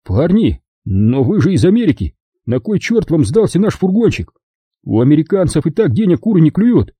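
A man's voice: a little high, big pitch swings, normal speed, mellow, husky, no room sound, voice pushed up. A man voicing a cheeky, argumentative mover who complains indignantly.

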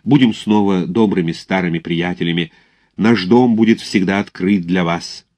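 A giddy, gangly young bridegroom from a storybook, voiced by a male reader, low-pitched and effusive. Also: normal speed, darkish tone, no room sound. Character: lanky, awkward young bridegroom, giddy with happiness.

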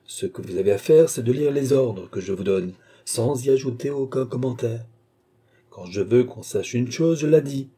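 A man's voice: mid-range voice, normal speed, dark tone, breathy edge, lightly acted. A man voicing a proud, imperious marshal of eighty-eight who scolds his servant in haughty, curt orders, read as an audiobook character.

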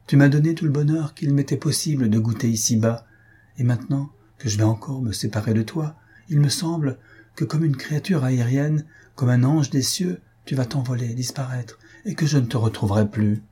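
A man voicing a devoted young baron who speaks gently and earnestly. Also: mid-range voice, normal speed, husky, pitched above the performer's own voice. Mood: tender.

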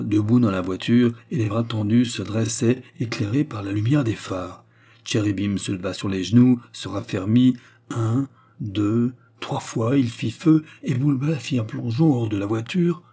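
A man narrating an adventure novel as an audiobook, in a measured storytelling manner. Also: on the low side, dark tone, breathy edge.

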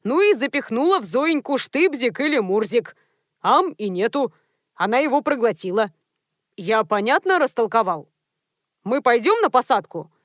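A fussy, eager man rambles through a flustered explanation, as a woman reads him in an audiobook. The voice stays light and a little high. The sound is close and dry. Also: sing-song, normal speed, no room sound.

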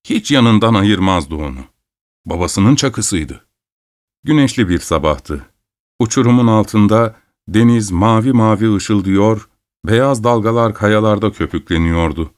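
A man narrating an audiobook in a measured, expressive storytelling manner. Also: fairly low pitch.

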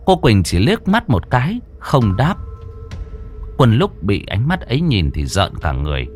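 A man narrating a horror story with a dramatic, expressive reading. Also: mid-range voice, a little slow, soft background music.

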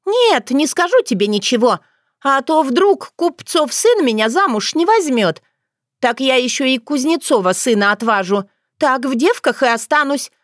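A woman voicing a brash, jealous young village girl who talks in a shrill, squabbling way. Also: very animated, normal speed, dry recording, studio quality. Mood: pleading. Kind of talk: audiobook character voice.

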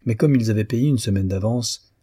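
A man reading a story aloud in measured, expressive narration. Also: lowish voice, husky, dry recording, studio quality. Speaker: audiobook reader. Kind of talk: scripted narration.

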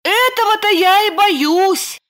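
A woman voicing an anxious, fretful young woman in an audiobook, speaking high and flustered. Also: takes it slowly, a bit bright, heavily acted. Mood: fretful, pleading. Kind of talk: audiobook character voice.

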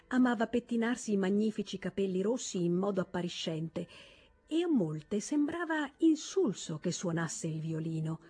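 A woman reading a classic novel aloud in a measured, expressive audiobook narration. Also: fairly low pitch, husky. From Italy. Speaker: audiobook reader.

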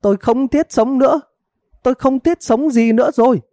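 A man's voice: very high voice, normal speed, warm tone, no echo, clean studio sound, pitched above the performer's own voice. A man voicing a hot-tempered middle-aged village wife who scolds and wails melodramatically in a storybook reading. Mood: wailing.

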